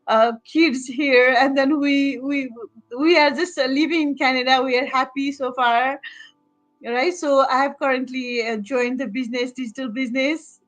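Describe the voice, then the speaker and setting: A woman from Nepal with a high, light voice speaks over a video call. She talks in a relaxed, halting way, full of fillers and restarts. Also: faint music behind. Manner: hesitant, many fillers and restarts, laughs often. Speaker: guest. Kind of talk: casual video-call chat.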